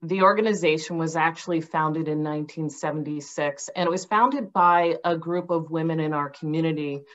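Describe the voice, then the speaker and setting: A woman with a notably low voice presents earnestly to a virtual conference as the head of a nonprofit. She shares her screen, and the audio is dulled by the video-call line. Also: moderate pace, dull audio. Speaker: nonprofit president and speaker.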